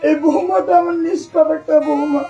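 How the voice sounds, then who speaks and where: Older guy acting as a crying old dad, high voice, calming his son, echoey room, music behind. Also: a little fast. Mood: tearful. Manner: tearful, soothing, coaxing. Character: older father grieving over his addicted son. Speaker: father in a short film. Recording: echoey, mic far off, music underneath.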